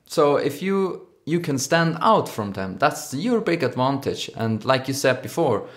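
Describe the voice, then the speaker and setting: A man's voice: mid-range voice, sing-song. Easygoing man co-host. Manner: easygoing, agreeable, slightly halting English. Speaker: podcast co-host. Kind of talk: casual chat.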